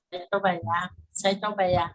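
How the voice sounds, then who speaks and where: A woman reading a passage aloud haltingly on a video call, with a gravelly voice. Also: lowish voice, level tone, fairly bright tone, low-quality recording. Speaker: church class participant. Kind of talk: slow hesitant reading aloud.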